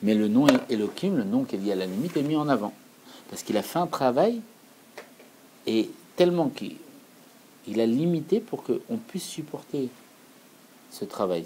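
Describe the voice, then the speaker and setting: A man's voice: lowish voice, darkish tone, a little hiss or hum, rough recording. A man giving an earnest, explanatory Torah lesson, repeating key phrases for emphasis. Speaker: Torah teacher.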